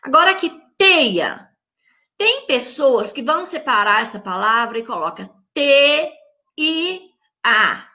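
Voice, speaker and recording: A woman teaching a recorded lesson for young children with a Brazilian Portuguese accent. She is patient, checks in with the children and sounds words out slowly. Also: a little high, bright, forceful tone. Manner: patient, speaks straight to the children with check-in questions; spells words out syllable by syllable. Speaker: primary school teacher.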